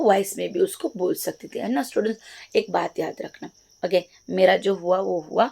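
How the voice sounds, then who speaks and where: A woman teacher with a cracked, gravelly voice that stays loud. She reads lines very slowly, then explains them playfully in Hindi. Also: medium pitch. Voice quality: cracked, loud voice, habit of talking loudly. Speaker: English teacher. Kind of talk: bilingual classroom lesson explaining a story.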